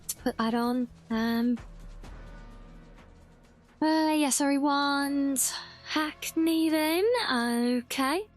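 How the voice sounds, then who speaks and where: A woman's voice: high-pitched, drawn-out words, long pauses, faint music behind. A woman giving casual, rambling game commentary, thinking aloud as a streamer.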